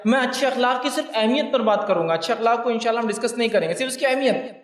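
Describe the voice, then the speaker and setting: A man giving a religious lecture to his listeners. He repeats his points for emphasis and speaks to them directly. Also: very high voice. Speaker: preacher. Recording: echoey hall, mic at a distance.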